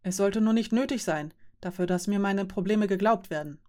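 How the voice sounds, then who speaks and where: Woman voicing a weary fairy, calm even explaining, mid-range pitch. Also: moderate pace, natural voice. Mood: resigned.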